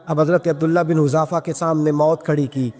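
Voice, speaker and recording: A man preaching an impassioned sermon, telling stories with fervent, climbing emotion and quick Arabic recitation. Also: level tone, darkish tone. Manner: fervent storytelling, pitch climbing as emotion builds. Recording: long hall reverb with background music.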